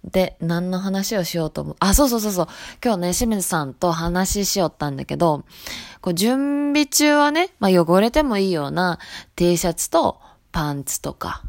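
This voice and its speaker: A woman with a Hiroshima accent chatting casually on her voice blog as a shop salesperson, relaxed and talkative. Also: fairly low pitch, moderate pace. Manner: chatty and relaxed, dialect thickening as she loosens up.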